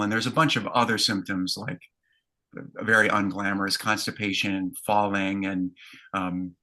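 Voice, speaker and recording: Man, 50s, interview guest; low-pitched, forceful bright tone, reflective storyteller with fillers. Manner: reflective, detailed, with many fillers. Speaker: interview guest, stage performer. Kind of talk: conversational storytelling.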